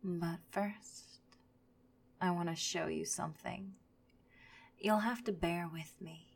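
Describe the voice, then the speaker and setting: A woman's voice: fairly low pitch, fairly even intonation, slow, creaky, breathy edge, heavily acted. A woman voicing a vindictive jilted ex-girlfriend in an audio roleplay, often whispering as she gloats. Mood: taunting.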